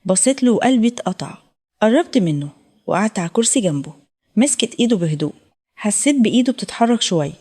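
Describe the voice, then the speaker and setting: A woman's voice: medium pitch, expressive, quick pace, dark tone. A woman with an Egyptian accent narrating a heartfelt first-person story. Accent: Egyptian Arabic.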